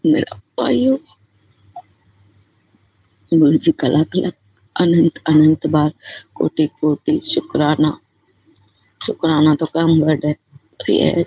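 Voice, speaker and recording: A woman shares a personal devotional testimony, circling back to her thanks again and again with fervent gratitude. Her voice is mellow and warm. The recording is dry and a little muffled and lo-fi. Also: low voice, creaky, breathy edge, no room sound. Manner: heartfelt, repetitive, fervently grateful.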